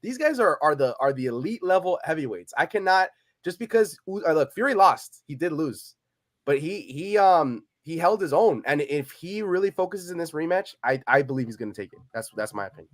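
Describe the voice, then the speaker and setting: A man co-hosting a combat sports podcast, arguing loudly and trash-talking, repeating his words as he pushes his point. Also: fairly high pitch, fairly quick, no room sound, clean studio sound. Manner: loud, animated, repeats himself, trash-talking. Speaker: podcast co-host. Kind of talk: heated sports debate.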